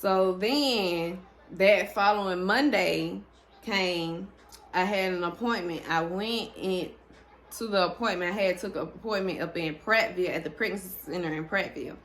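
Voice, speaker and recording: A woman's voice: fairly low pitch, normal speed, slight background noise. A young woman, casually telling a personal story to her viewers, chatty and full of fillers. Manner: chatty, animated, lots of fillers and restarts.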